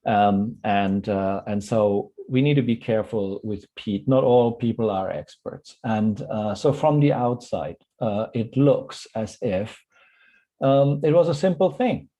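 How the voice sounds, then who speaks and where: A man from Germany speaking on a webinar panel, thoughtful and unhurried, with frequent fillers. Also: lowish voice, warm tone. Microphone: video call.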